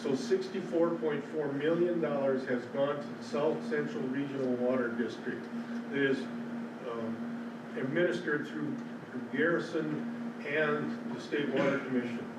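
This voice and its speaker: In a large public meeting room, a man with an Upper Midwestern American accent gives a plain presentation at a public hearing, using some fillers. His mid-range voice is steady and a little slow, and the recording is a roomy hall with the mic far off and loud noise.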